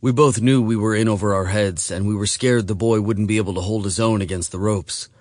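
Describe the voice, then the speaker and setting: A man narrating an audiobook in a measured, steady reading voice. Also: on the low side, no echo, clean studio sound. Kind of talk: scripted narration.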